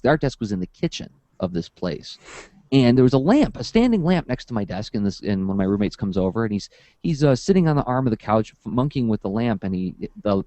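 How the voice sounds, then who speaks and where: A man's voice: medium pitch, no echo, lo-fi sound. A man who teaches comics workshops, talking casually and at length, telling stories and acting out the people in them. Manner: animated and verbose, acts out quotes. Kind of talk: casual conversation, storytelling.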